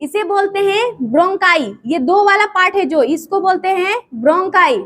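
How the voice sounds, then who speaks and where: High-voiced woman teacher, repetitive classroom quizzing. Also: animated, normal speed, a bit bright. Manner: repeats terms and quizzes the class. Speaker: drawing teacher. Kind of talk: classroom drawing lesson.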